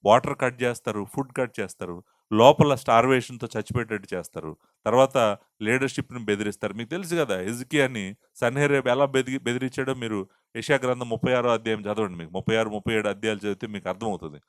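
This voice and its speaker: A man preaching an expository sermon at a mid pitch. He teaches through rhetorical questions and mixes English words into his talk. The sound is dry and close, with no room echo. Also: fast. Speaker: pastor.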